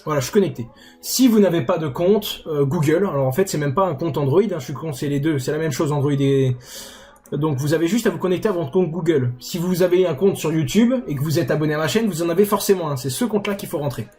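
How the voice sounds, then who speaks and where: A man's voice: on the high side, fast talker, warm tone, faint music behind. A young man hosting a casual screen tutorial, chatty and self-mocking, with crude slang. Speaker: YouTuber tutorial host.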